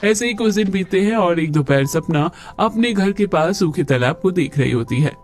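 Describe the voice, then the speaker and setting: A man's voice: animated, moderate pace, a little mellow, soft background music. A man narrating a cartoon story and doing the voices of every figure. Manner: plays women and children by raising his pitch.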